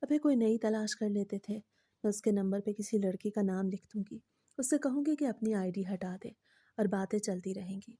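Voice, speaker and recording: Woman voicing a calm, defiant wife. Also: mid-range voice, breathy edge, natural voice. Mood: calm defiance. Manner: composed, matter-of-fact. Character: calm, defiant wife who answers back coolly.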